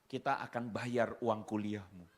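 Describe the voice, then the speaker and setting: Resolute middle-aged parents, as a male preacher puts them on, speaking low, slow and solemn. The voice drops well below his usual bright sermon tone. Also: fairly even intonation.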